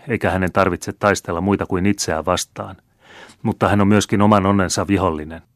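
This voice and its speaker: Brief: male reader doing an impassioned old general, deep voice, louder than the narration. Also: dry recording, studio quality, natural voice. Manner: grave and impassioned. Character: aging proud male general, father. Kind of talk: audiobook character reading.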